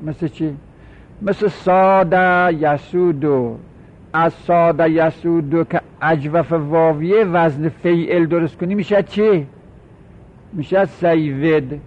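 Male grammar teacher, a touch higher pitch, slow drawn-out examples, self-questioning lecture style, dull lo-fi sound. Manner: drawls out example words slowly, poses and answers his own questions. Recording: dull lo-fi recording.

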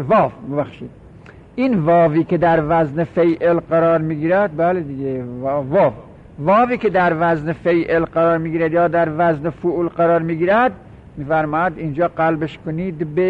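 Man teaching a grammar class, slightly high. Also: a little hiss or hum. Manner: drawls out example words slowly, poses and answers his own questions. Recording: dull lo-fi recording.

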